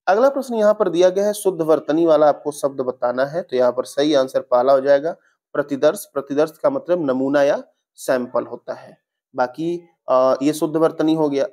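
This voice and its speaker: Young man teaching exam prep, slightly high voice, step-by-step explanations, quick self-corrections. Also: a little mellow. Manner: explains spelling step by step, corrects himself often. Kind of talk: online exam-prep lesson.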